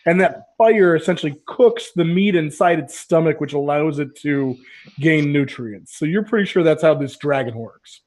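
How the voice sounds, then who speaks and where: A slightly high-voiced man runs a tabletop game, narrating what the players find and teasing them as they decide. His explanations come at an unhurried, conversational pace. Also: a little mellow. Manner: playful, teasing, leisurely explaining. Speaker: game master. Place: home studio, live stream.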